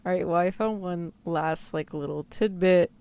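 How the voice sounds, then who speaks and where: Speaking at normal speed, this VTuber streamer and ASMR roleplayer has a lowish, darkish voice that's clear and resonant. Her casual livestream chatter is playful, packed with disbelieving outbursts and light swearing.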